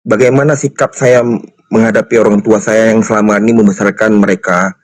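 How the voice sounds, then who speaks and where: A man's voice: on the low side, steady tone, brisk, dry recording, poor audio. A man in his thirties politely asking a question, hesitant and personal. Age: 30s. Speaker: caller with a question.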